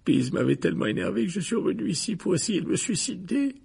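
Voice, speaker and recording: A man's voice: sits high, very animated, gravelly, a little mellow, husky, voice pushed up, heavily acted. A man voicing a weepy, self-pitying ghost girl who sobs and draws out her words. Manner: sobbing, slow and drawn-out.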